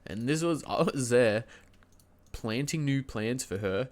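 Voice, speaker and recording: Streaming from home, a young man stands and shifts around at his desk mic, his medium-pitched voice animated but measured in pace. A cold makes him sound nasal and congested. He rambles casually and chattily through his story, full of fillers and restarts, tripping over words and breaking into little laughs mid-sentence.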